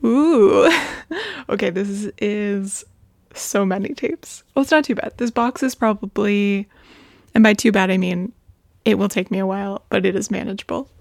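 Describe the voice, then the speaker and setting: A woman recording a casual audio diary at home on a handheld mic, talking softly and often slipping into a whisper. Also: medium pitch, steady tone, normal speed, vocal fry, dry recording. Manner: soft, often slips into a whisper. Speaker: podcast host.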